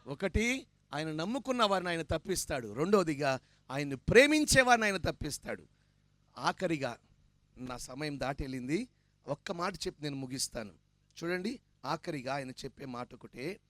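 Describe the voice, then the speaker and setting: Man, preacher, sermon, fervent, emphatic, bright tone. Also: fairly high pitch, big pitch swings, normal speed, long pauses, dry recording. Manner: fervent, emphatic preaching that swells to loud declarations; asks the congregation for responses.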